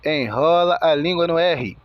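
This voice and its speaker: A man teaching English in a video lesson, explaining slowly and methodically and spelling out sounds word by word. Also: on the high side, no room sound, lo-fi sound.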